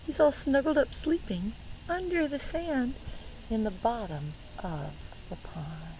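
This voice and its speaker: A woman with a fairly high pitch, an early learning teacher, reads a picture book to young children by a lake, and the audio quality is poor. She makes it playful and interactive with expressive reading, questions for the kids and acted-out sound words, over steady ambient noise from the water.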